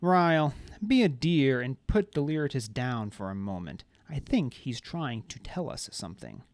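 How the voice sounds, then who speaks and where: A man's voice: medium pitch, big pitch swings, moderate pace, dry recording. A man voicing a mad woman mage who talks in a chilling, sing-song, playful way. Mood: menacing sweetness.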